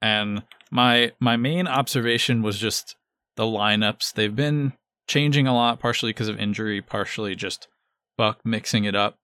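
Clear, somewhat low man analysing sports. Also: moderate pace, sharp tone, no room sound, clean studio sound. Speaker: podcast co-host.

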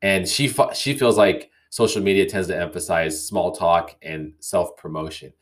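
Guy hosting his own podcast, lowish voice, reads out listener emails and muses on them, lots of little restarts. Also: steady tone, normal speed. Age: young adult or middle-aged, parent. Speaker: podcast host. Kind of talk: casual solo podcast talk.

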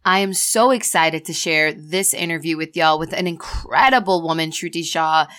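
A woman podcast host giving a brash, slangy, energetic introduction. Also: fairly low pitch, no echo, clean studio sound. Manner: brash, slangy, says y'all and honey.

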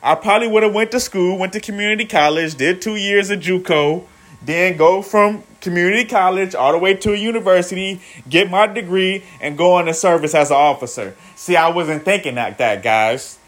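A man's voice: high-pitched, a little fast, a bit bright. A man in his thirties, rambling through a profane motivational vlog and calling his viewers "guys". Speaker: vlogger. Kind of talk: casual motivational monologue.

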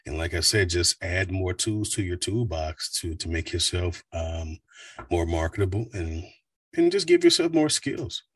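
Man, 40s, deep baritone, husky edge, dry sound, casual animated interview talk. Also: no room sound, recorded from a distance. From United States. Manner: animated, slips into quick voice demos. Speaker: voice actor and coach.

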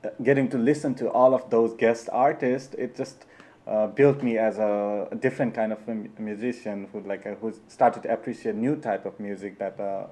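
A man's voice: lowish voice, fairly even intonation, normal speed, dark tone. A young man from Nepal hosting an interview, talking hesitantly with many fillers. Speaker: host. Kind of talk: conversational interview.

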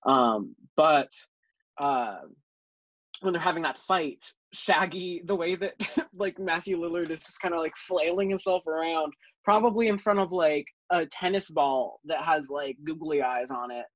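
A man's voice: fairly high pitch, measured pace, a bit bright, dry recording, muffled recording. A man who is a podcast guest, talking enthusiastically and filling his sentences with "like" and "um". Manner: enthusiastic, filler-heavy, lots of "like" and "um". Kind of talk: casual podcast discussion.

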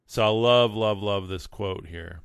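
A man's voice: lowish voice, unhurried, clear, resonant tone, no echo, clean studio sound. A man with a West Texas twang talking as a livestream host, earnest and emphatic, often repeating words for emphasis. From West Texas, United States. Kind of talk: casual livestream monologue with read-out comments and quotes.

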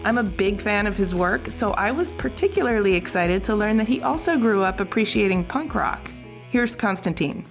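A woman's voice: medium pitch, animated, normal speed, faint music behind. A woman host reading an introduction and asking interview questions. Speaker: podcast host.

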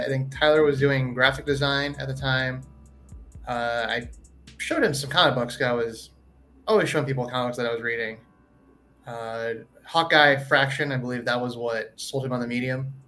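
Bright-voiced laid-back male guest. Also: medium pitch. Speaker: comic writer, guest. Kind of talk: casual interview.

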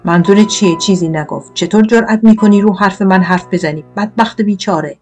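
A loud, blustering tomato knight throws his weight around, as a woman reader puts him on. He rants like a bully, threatening and pompous. Soft piano plays behind. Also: fairly high pitch, voice pushed up, close to an everyday voice. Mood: blustering angry. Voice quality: shouting, blustering.

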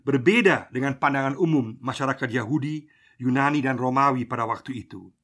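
A male pastor delivers a radio sermon. His preaching is measured, and he slows down to stress key phrases. His voice sits at an ordinary middle pitch. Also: fairly bright tone. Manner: measured preaching, slows for emphasis, uses Papuan slang phrases.

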